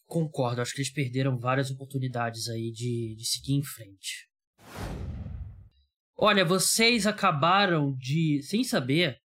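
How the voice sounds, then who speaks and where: A man's voice: medium pitch, a bit bright. A Brazilian man hosting a sports podcast in casual, joking, self-deprecating chat. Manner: informal, jokey, self-deprecating. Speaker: podcast host.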